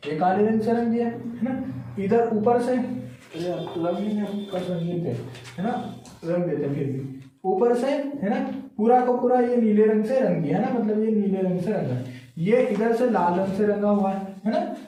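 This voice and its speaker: A man with a high, mellow voice teaches a class, counting aloud and constantly checking that his students are following. He sounds far from the mic, and the room around him is very echoey. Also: moderate pace, slight background noise. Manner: repetitive, keeps asking "है ना?" and counting aloud. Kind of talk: classroom lesson with call-and-response.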